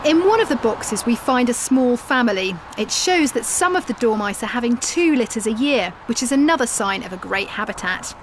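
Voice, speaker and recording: A woman's voice: a little high, animated, moderate pace, few pauses, a little hiss or hum. A woman reading scripted narration for a nature documentary as a reporter.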